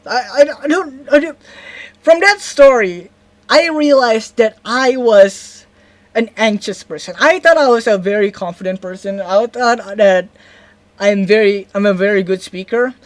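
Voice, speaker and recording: Speaking at a measured pace in a fairly high voice, this young vlogger from Indonesia recounts a story with her Indonesian accent. The recording is dry, with no room sound. Her telling is rambling and casual, full of self-corrections and frequent "right?" checks.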